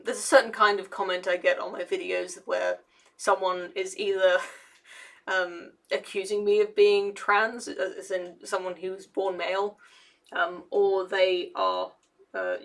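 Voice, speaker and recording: Speaking to camera with vocal fry, this young engineer and video essayist has a medium-pitched, slightly bright voice. Her casual commentary rambles hesitantly, full of fillers and restarts.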